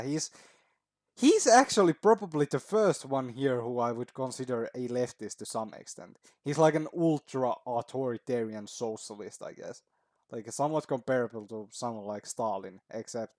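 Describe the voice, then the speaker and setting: A man in casual reaction mode, talking at a medium pitch and sprinkling in swear words and chuckles. His voice is recorded close and dry, with no room sound around it. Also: darkish tone, no echo. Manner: casual, swears often, laughs at his own points. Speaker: reaction video host.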